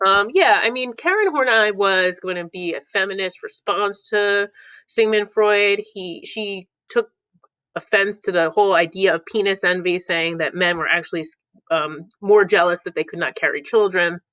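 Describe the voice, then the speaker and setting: A woman with a medium-pitched, slightly bright voice speaks at normal speed on a dry, rough recording. She teaches a review lesson playfully, slipping into silly put-on voices to read the clue lines between her explanations.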